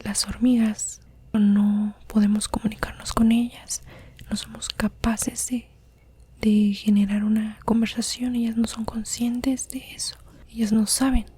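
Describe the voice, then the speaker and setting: A woman whispering under her breath in a soft-spoken ASMR podcast monologue, as its host. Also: a little high, little pitch movement, measured pace, breathy edge.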